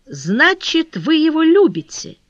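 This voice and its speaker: A reader playing a cold, scheming English baronet in an audiobook, speaking dryly, laconically and slowly. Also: high-pitched, very animated, no room sound, highs cut off, pitched above the performer's own voice, full character voice. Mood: mocking. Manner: dry, laconic, slow and impassive. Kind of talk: audiobook character reading.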